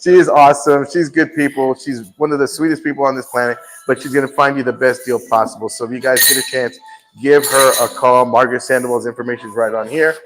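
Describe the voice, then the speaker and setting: Against a noisy background, a fifty-something man talks fast in a steady tone while hosting a live lifestyle program. Playfully ribbing his co-host, his voice leaps upward when he jokes, and behind him is an indoor studio set with a painting.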